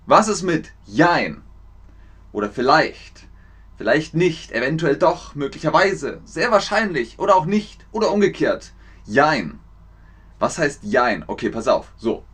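Man, playful language teacher, slightly high voice, very lively intonation, unhurried delivery, exaggerated repetitions. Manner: animated, repeats words with exaggerated demonstrations. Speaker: language teacher explaining slang.

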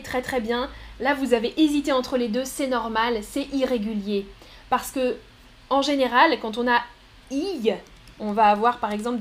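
A woman teaching pronunciation in a live-streamed lesson, saying each word slowly and repeating it carefully. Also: fairly high pitch.

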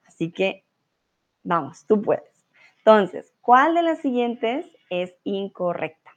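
A woman from Colombia with a Colombian accent leads a live online Spanish lesson. She speaks slowly and patiently in a mid-pitched voice, encouraging her students and slipping into English and German to explain. The audio is a little dull and lo-fi. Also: big pitch swings. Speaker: Spanish teacher.

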